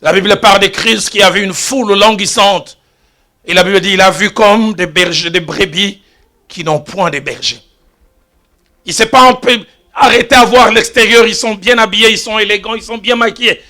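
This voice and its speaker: This pastor delivers a sermon in church, his high-pitched voice bright and ringing at a moderate pace. His storytelling swings between quiet asides and loud exclamations.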